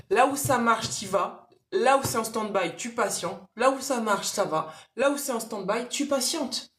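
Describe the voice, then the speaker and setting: A woman's voice: fairly high pitch, reverberant. A woman giving spiritual readings on a casual live stream, speaking directly and coaxingly to viewers by name.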